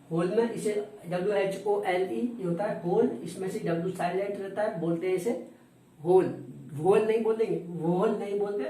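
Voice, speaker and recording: A man's voice: high voice, darkish tone. Man teaching a class, spelling stuff out over and over, sounds distant in an echoey room. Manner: repeats words slowly, spells them letter by letter. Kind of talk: classroom lesson. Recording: roomy echo, distant from the mic, faint noise.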